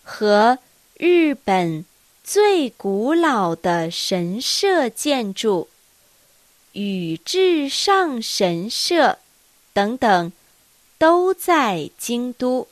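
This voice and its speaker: A woman teaching a language lesson, reading dialogue lines with careful, deliberate enunciation. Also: fairly high pitch, very animated, dry recording.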